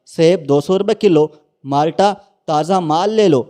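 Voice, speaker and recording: A man's voice: on the high side, warm tone, lightly acted. A man voicing a tired, tender old fruit-seller father who pleads and grieves, in a storybook reading. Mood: calling out. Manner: pleading, heartbroken.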